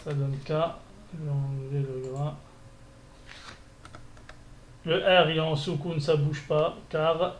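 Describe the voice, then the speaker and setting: A man's voice: a little high, flat delivery, slow, long pauses, slight background noise. Man teaching in an echoey room. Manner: thinking aloud, many restarts and fillers. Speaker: Arabic teacher. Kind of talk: screencast lesson. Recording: echoey room, faint ambience.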